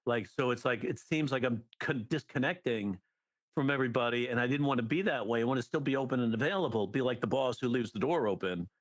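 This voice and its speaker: A middle-aged man, a guest comedy writer and teacher, in casual podcast chat, lively and acting out jokes as he explains them. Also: mid-range voice, fast talker, no room sound, highs cut off. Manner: animated, acts out jokes and quotes.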